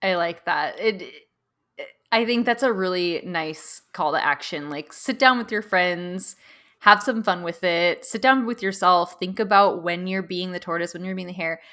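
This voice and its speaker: A woman's voice: lowish voice, moderate pace, a bit bright. A woman co-hosting a podcast in casual chat, playful and laughing often as she talks things through. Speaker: podcast co-host.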